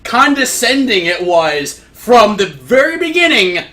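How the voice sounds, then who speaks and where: Male co-host, high and lively voice, sarcastic rants. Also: measured pace. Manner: sarcastic, ranting, drags out words for emphasis. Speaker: movie review show co-host. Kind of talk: casual chat.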